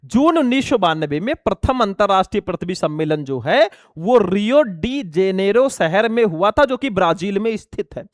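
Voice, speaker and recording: A young man teaching an exam lesson loudly, almost shouting as he goes through multiple-choice questions and calls the students kids and brothers. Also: high-pitched, animated, normal speed, hardly any pauses, no echo, studio quality. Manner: loud, near-shouting delivery; addresses students as bachelon and bhaiya.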